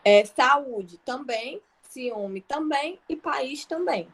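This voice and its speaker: A woman's voice: high-pitched, expressive, breathy edge. Patient Brazilian woman teaching a lesson. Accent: Brazilian Portuguese. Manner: patient, explaining slowly with examples and frequent checks. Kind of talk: online grammar lesson.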